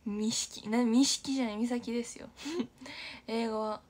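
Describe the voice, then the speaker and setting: A woman's voice: fairly high pitch, steady tone, normal speed. A young woman from Aichi hosting a casual livestream, chatty and giggly, reading viewer comments aloud and often dropping to a near-whisper. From Aichi, Japan. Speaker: idol livestream host.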